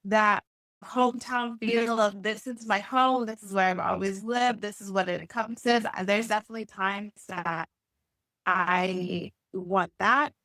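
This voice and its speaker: A woman's voice: mid-range voice, fairly even intonation, unhurried, sharp tone, dry recording. A young woman guest in a conversational interview, speaking earnestly with frequent "like" fillers. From born in Haiti, raised in East Africa and the US. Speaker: podcast guest.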